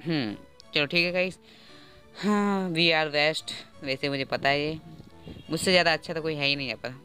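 A man's voice: on the high side, moderate pace, sharp tone, faint music behind. A man doing game playthrough commentary with amateur dubbing, joking and self-mocking, recorded on an earphone mic held close to his mouth. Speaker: gaming YouTuber.

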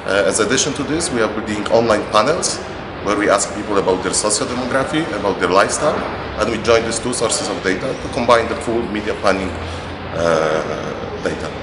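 A deep-voiced man in his forties with a Polish accent speaks earnestly, pausing often to search for words. He sounds like he is standing in a large hall, with a long echo and steady background ambience. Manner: earnest, hesitant with frequent fillers. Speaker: interviewee, research company representative. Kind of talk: conference interview. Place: large indoor banquet hall. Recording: echoey hall with room noise.

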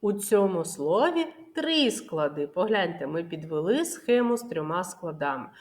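A woman kindergarten teacher leading a literacy lesson for small children, sounding out words syllable by syllable in a slow sing-song. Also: lowish voice, very animated. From Ukraine.

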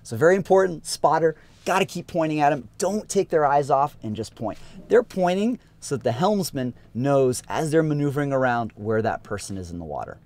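A man's voice: a little high, lively intonation, fairly quick, few pauses, a little mellow. Upbeat male sailing instructor. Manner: upbeat, clear and practical. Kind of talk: casual instructional talk. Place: aboard a sailboat outdoors.

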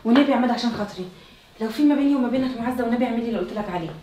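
An actress playing a coaxing, pleading younger sister, speaking with an Egyptian accent. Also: female voice, a little high, racing, mellow, slight background noise, lightly acted, rough recording. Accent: Egyptian Arabic.

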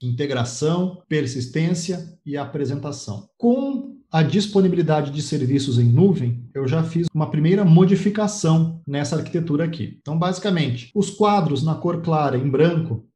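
A man with a somewhat high, mellow voice walks viewers through a slide-based technical presentation. He explains patiently and speaks straight to his audience, setting them challenges. The sound carries a roomy echo. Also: lively intonation, normal speed, hardly any pauses. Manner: explanatory, addresses viewers directly, poses challenges. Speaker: cloud data architecture presenter.

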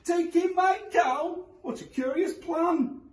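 A man voicing a fretful little old woman who wails and pleads in a shrill voice. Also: slow. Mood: incredulous. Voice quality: shrill, wailing. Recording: roomy, from a distance.

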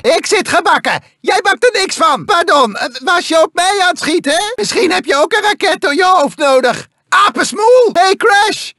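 N. Gin, shrill manic villain. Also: male voice, sharp tone, no echo, studio quality, full character voice. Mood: taunting. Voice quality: shrill, strained, gravelly. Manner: theatrical, swinging between gloating and wailing. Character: manic mad scientist villain, male, whiny, unhinged, masochistic. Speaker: video game character voice actor. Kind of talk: exaggerated cartoon video game voice acting.

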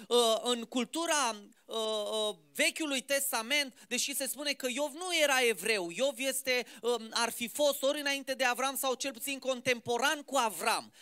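Man, preacher, high bright voice, animated sermon, rhetorical questions, church. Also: smooth.

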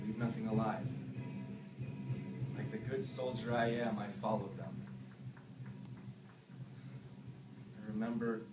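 Man acting an anguished young war veteran, roomy sound. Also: on the high side. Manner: intense, emotional, halting delivery swinging between hushed and explosive. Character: anguished young male Vietnam veteran confessing, tormented, self-loathing. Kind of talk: dramatic stage monologue. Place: classroom, indoors. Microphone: far camera. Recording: roomy, distant camera mic with faint noise.

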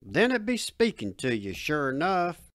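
A man's voice: a little high, wildly swooping pitch, a little slow, a bit bright, no echo, clean studio sound, full character voice. Man playing drawling redneck dad. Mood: gruff. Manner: drawling dialect. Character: middle-aged redneck father, gruff but proud.

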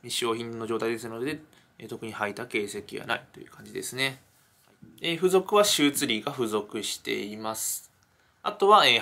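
A man's voice: mid-range voice, bright, forceful tone. A man giving an unscripted product explanation in a polite manner, in short, hesitant pieces. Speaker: shoe shop presenter. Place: indoors in a small shoe shop.

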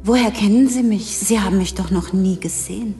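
An earnest little boy prince, as read by a woman, asks polite, curious questions. His voice is mellow and soft in a gentle storybook style. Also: mid-range voice, brisk, soft background music, close to an everyday voice. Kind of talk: storybook reading.

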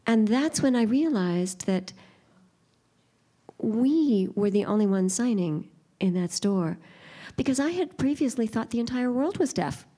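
A woman's voice: on the high side, lively intonation, unhurried, dark tone. A woman interpreting live at a panel, voicing signers' remarks in the first person. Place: auditorium during a live panel.

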